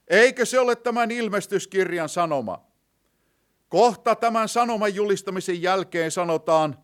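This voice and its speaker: A man preaching a sermon with a fairly high, lively voice that rises and falls a great deal. He swings between loud declaiming and hushed, low passages. He slows down to read scripture quotes and puts rhetorical questions to his congregation.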